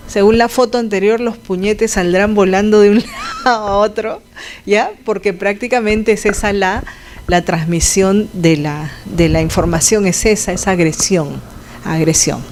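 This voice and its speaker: A woman's voice: mid-range voice, darkish tone, slight background noise. A woman giving a conversational lecture to health students, asking the class questions and adding sound effects.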